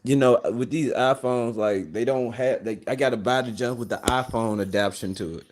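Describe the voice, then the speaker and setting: Speaking a little fast in a mid-range voice, a man chats casually with a friend. His talk rambles, is full of slang, and keeps restarting sentences.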